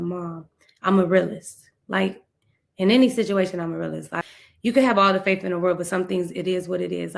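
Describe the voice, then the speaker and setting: Gravelly-voiced woman telling her story. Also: on the low side. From Ohio, USA. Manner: acts out quoted dialogue in lively voices. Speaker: podcast guest, speaker and author. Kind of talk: emotional personal storytelling.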